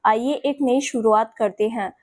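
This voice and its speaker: A woman voicing a persistent young man in love who talks softly and gently to coax her in a storybook. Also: fairly high pitch, fairly even intonation, measured pace, no room sound. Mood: tender. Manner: soft, gentle and coaxing.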